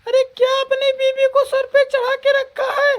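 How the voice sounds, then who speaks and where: A nagging, greedy old mother-in-law from a comedy cartoon, voiced by a woman. She scolds and hurls insults in a very high, squeaky voice. The tone stays flat and even. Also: moderate pace. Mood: scolding. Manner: scolding, insulting, dramatic complaints.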